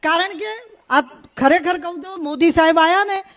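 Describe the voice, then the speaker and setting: A woman's voice: very high voice, normal speed, fairly bright tone. A middle-aged woman from Gujarat, giving a humorous public speech at a village gathering, telling folksy stories in rhyming phrases. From North Gujarat. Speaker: invited speaker at a folk gathering.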